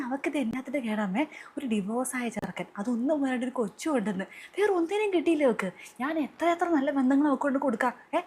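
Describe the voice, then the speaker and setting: A woman's voice: on the high side, slight background noise, close to an everyday voice. A woman playing an angry, proud elder sister who scolds and objects in a family skit. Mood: indignant. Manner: indignant, scolding.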